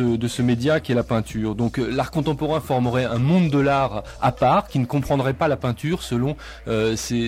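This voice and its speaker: A man's voice: mid-range voice, darkish tone. Hesitant man co-hosting a radio panel. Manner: hesitant, many fillers and restarts while framing questions. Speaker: radio co-host.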